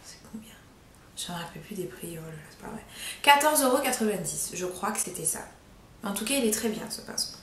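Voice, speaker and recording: A young woman chatting casually in a haul video, giggly and chatty, dropping into soft asides. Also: mid-range voice, lively intonation, fairly quick, a little hiss or hum. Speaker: beauty vlogger. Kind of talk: casual haul vlog chat. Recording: echoey room.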